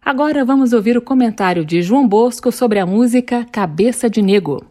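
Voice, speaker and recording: A woman presenting on the radio, briskly announcing the next segment from a script. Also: a little high, expressive, warm tone.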